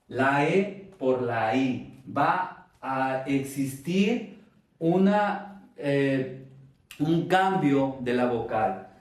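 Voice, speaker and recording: Mexican guy teaching spanish grammar, kinda high voice, hits the stressed syllables hard, super echoey room. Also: darkish tone, distant mic. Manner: deliberate, stresses syllables to demonstrate. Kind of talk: video grammar lesson.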